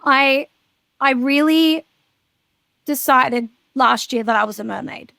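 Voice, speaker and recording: A woman in her thirties, a podcast guest, chatting casually and telling animated stories with plenty of swearing. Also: sits high, slow pace, vocal fry, dry recording. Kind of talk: casual chat.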